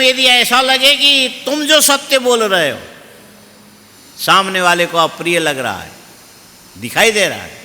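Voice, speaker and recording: High bright guy preaching slow, drops in sanskrit verses, long hall echo. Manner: slow teaching cadence, asks listeners questions and answers them. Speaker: Bhagavata katha preacher. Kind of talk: Hindi religious discourse.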